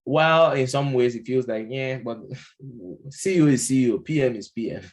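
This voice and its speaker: Speaking at a normal speed in a mid-range voice, this Nigerian-accented man teaches product management off the cuff. He keeps it conversational, restarting often, leaning on fillers, and chuckling now and then.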